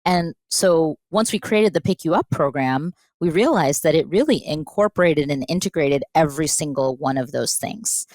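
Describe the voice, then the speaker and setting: A woman with a low, deep-set voice talks through a podcast interview as a guest physician. She tells her story in a lively, animated way, slipping into quoted dialogue. The sound is dry and close, with no room behind her. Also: moderate pace, hardly any pauses, no room sound. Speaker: pediatric intensivist guest.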